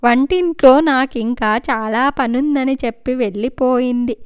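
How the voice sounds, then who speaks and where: Lady doing a sad anxious mom, high voice, pleading, close and dry. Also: unhurried, clear, resonant tone, dry recording. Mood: sorrowful. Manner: emotional, pleading. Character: worried middle-aged mother, tearful and anxious.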